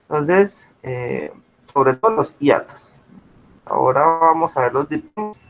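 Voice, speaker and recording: A man's voice: on the high side, animated, a little slow, soft background music. A male teacher giving an online class, explaining patiently and checking often that students follow. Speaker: school teacher. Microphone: video call. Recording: muffled video-call audio.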